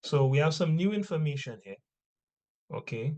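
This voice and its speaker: A man with a warm, animated voice on the high side teaches an informal religious history class at a normal speed. He reads texts aloud and drives his points home with rhetorical questions and short check-in tags.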